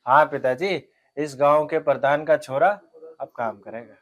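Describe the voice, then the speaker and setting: A man's voice: a little high, fairly even intonation, moderate pace, lightly acted. A man playing an earnest young villager. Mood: respectful. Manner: earnest, heartfelt. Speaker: headman's son, laborer. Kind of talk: rural comedy film acting.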